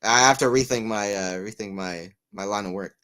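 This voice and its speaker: This tennis watchalong commentator, with a fairly low voice at normal speed, calls the action live on his stream and talks casually with his audience. Big points and rallies make him excited, while the gaps between points fill with self-mocking, rambling chatter.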